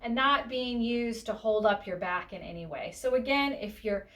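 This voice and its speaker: Casting: woman yoga teacher, fairly high voice, instructive step-by-step delivery with casual check-ins. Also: lively intonation, normal speed, a bit bright. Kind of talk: spoken step-by-step demonstration lesson.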